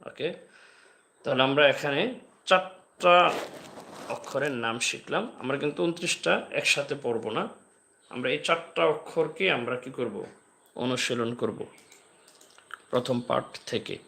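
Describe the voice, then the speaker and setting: Bright-voiced man teaching letter sounds. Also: mid-range voice, gravelly, a little hiss or hum. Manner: slow drilled letter sounds with repeated examples; patient explaining. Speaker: Arabic alphabet teacher. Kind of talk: live online lesson.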